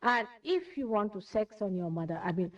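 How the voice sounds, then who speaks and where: A woman's voice: medium pitch, lively intonation, normal speed. An Indian woman giving a spiritual lecture, emphatic and repeating phrases for stress. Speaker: spiritual teacher. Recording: distant, dull lo-fi 1981 lecture tape.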